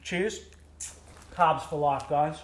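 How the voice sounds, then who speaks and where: An enthusiastic host chatting casually in a kitchen on a cooking show, effusive and quick to laugh. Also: mid-range voice.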